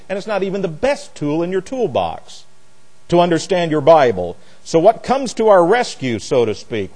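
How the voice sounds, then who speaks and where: A pastor teaches a Bible study, delivering an expository sermon in an emphatic, opinionated, plain-spoken and folksy manner. His voice is fairly high, with a dark tone and a breathy edge.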